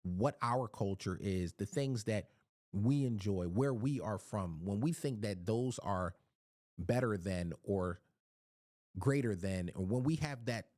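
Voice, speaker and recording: Low-voiced man from Philadelphia teaching. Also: animated, takes it slowly, warm tone, no echo, clean studio sound. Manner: repeats words often as he searches for phrasing. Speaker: Bible teacher. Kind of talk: casual spoken Bible teaching.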